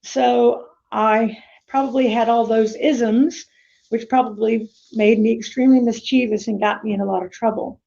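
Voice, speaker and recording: Over a muffled, lo-fi video call, a summit speaker shares her personal life story: a Florida woman whose first language is Greek. Her voice is gravelly and warm, on the high side, steady in tone and moderate in pace, and she talks chattily, rambling and interrupting herself.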